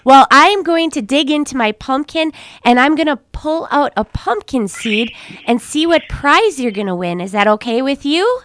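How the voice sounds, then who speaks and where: A woman with a slightly high voice hosts a radio call-in giveaway from the studio. She chats playfully and warmly with callers in a bouncy, sing-song way. The sound is dry and close to the microphone. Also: lively intonation, moderate pace, dry recording. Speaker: radio show co-host.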